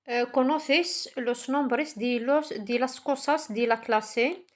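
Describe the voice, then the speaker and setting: Slow woman teacher reading word lists. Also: high-pitched. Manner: reads word lists slowly, explains in French. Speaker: Spanish teacher. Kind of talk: slow classroom vocabulary reading.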